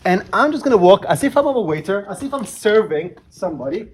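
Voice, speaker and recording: A man's voice: sits high, sing-song, fairly quick. A man doing a casual, hands-on product review in an easygoing, joking way. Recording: roomy echo, background noise, clicks.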